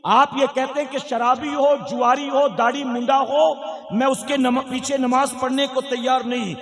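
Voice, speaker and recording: High-voiced preacher in an echoing hall. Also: male voice, level tone, normal speed. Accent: Indian Urdu. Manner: impassioned, rising to shouted emphasis, asks the crowd questions. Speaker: Islamic preacher. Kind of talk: fiery sermon. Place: large hall with an audience. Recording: long hall reverb.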